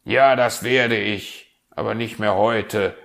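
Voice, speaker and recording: A man's voice: on the low side, fairly even intonation, takes it slowly, gravelly, fairly bright tone, full character voice. A man voicing a flustered, stingy male fox who blusters with silly oaths in a storybook reading.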